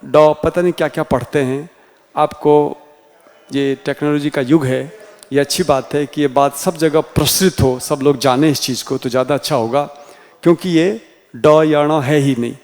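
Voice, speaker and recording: A man teaching a Hindi class in a slow, deliberate way with a Rajasthani accent, sounding out each letter one by one. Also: on the high side, a little mellow. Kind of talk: classroom lecture. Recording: reverberant room sound.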